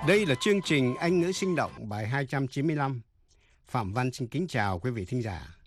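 A man's voice: medium pitch, animated, normal speed, over music. A man teaching an English lesson on the radio, explaining pronunciation carefully and spelling words out letter by letter.

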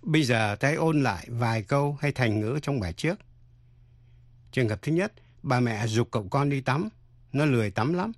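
A man's voice: mid-range voice, expressive, moderate pace. A man hosting a radio language lesson, carefully spelling out words letter by letter. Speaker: English teacher and radio host.

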